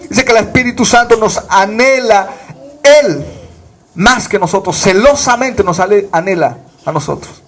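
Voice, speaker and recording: A Bolivian pastor delivers a fervent sermon at a normal speed, his voice high for a man. Again and again he poses questions to the congregation and then answers them himself.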